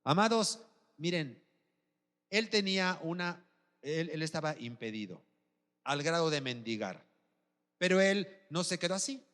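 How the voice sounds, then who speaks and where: A man's voice: on the high side, lively intonation, unhurried, long pauses, a bit bright, in a large hall. A man preaching a sermon as pastor, often asking the congregation if they are with him. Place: church.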